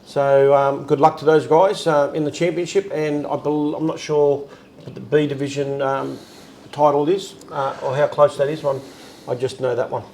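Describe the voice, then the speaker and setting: A man co-hosting a casual chat at home, relaxed and rambling with lots of fillers. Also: on the high side, normal speed, slight background noise, poor audio. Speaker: co-host.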